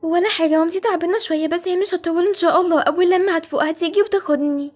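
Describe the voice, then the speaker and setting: A high, quick voice: a woman plays an earnest Egyptian schoolgirl, sweet and hopeful, newly arrived in a children's home in an animated game story. She speaks fast and pleads softly, always steady in her hope. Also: soft background music. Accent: Egyptian Arabic.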